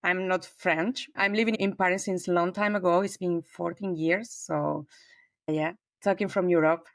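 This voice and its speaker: Chatty Spanish-accented woman in her forties, lower register, dry close sound; podcast guest on a call. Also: fairly even intonation, normal speed, no room sound. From southern Spain. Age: 40s. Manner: talkative, warm and expansive, frequent fillers. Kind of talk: conversational interview. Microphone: remote call.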